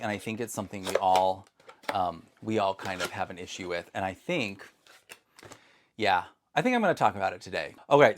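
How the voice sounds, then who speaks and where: A man chatting casually to his viewers in a vlog, excitable and full of asides, recorded on a phone at home. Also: on the low side. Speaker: doll collector vlogger. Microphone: phone camera.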